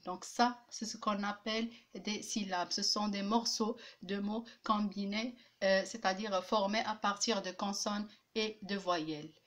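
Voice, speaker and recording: Woman, French teacher: unhurried, repeats words syllable by syllable, hesitant restarts. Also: mid-range voice, fairly even intonation. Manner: repeats each word slowly, clapping out syllables. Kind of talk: slow classroom lesson.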